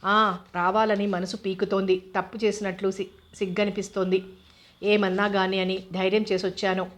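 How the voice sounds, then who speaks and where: A woman's voice: medium pitch, flat delivery, normal speed, close to an everyday voice. A woman reading the lines of an earnest young village husband standing in an election, speaking in an affectionate, pleading way. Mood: tender.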